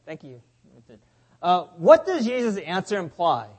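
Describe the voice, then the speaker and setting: High-voiced man preaching in short phrases. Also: sing-song, darkish tone, slightly rough. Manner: speaks in short phrases, pausing for translation. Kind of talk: sermon delivered through an interpreter.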